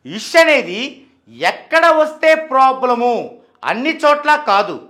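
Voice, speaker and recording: A man explaining name sounds, asking and answering his own questions and slowly repeating names to show how they are pronounced. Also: very high voice, animated, pushed and bright. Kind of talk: explanatory talk.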